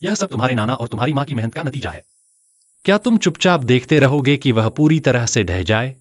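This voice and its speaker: A man's voice: mid-range voice, lively intonation, brisk, no echo, clean studio sound, natural voice. A man voicing a possessive wealthy suitor. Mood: insistent. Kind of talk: Hindi dub of a short drama.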